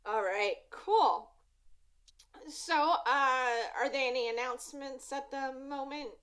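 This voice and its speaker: Higher-voiced woman hosting a game. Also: slow, a bit bright, smooth. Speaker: game master and host. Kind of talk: casual show introduction.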